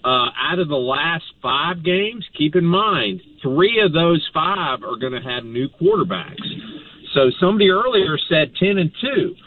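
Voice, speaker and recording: A male caller chats sports on talk radio. His voice is a bit high and comes through a thin phone line with faint background noise. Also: expressive, a little slow. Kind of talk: sports talk call-in chat.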